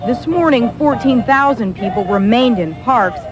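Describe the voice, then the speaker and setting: A woman's voice: fairly high pitch, animated, moderate pace, over music. A woman narrating a scripted television news report as a correspondent.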